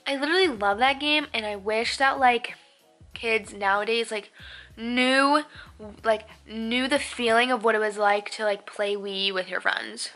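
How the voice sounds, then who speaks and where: A woman's voice: a little high, a little slow, fairly bright tone, faint music behind. A young woman in her twenties, chatting casually to camera in a lifestyle vlog, bubbly and full of "like" fillers. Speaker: beauty and lifestyle vlogger.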